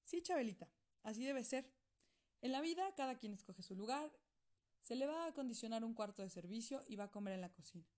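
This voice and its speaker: A woman's voice: a little high, lively intonation, fairly quick, a little mellow, lightly acted. A woman voicing a strict, authoritarian middle-aged doctor uncle in a storybook reading, formal and scolding. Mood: stern.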